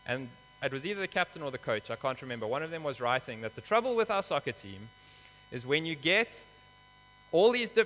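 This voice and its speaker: A South African preacher with a mid-range, fairly bright voice delivers a sermon including scripture reading in a church hall. He speaks earnestly and explanatorily with some hesitant fillers, and the recording has a reverberant sound with mains hum.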